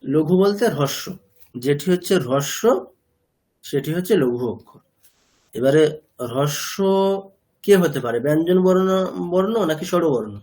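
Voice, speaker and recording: A man's voice: on the high side, lively intonation, moderate pace, long pauses, a little mellow. A man teaching a language class, explaining patiently, quizzing his students with questions, and mixing English words into his talk. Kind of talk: classroom lecture.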